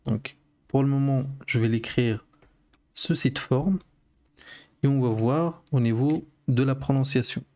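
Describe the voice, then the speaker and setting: A man at a middle pitch who speaks slowly and carefully. He teaches a video lesson, pausing and repeating each sound so learners can follow. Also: darkish tone. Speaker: Arabic teacher.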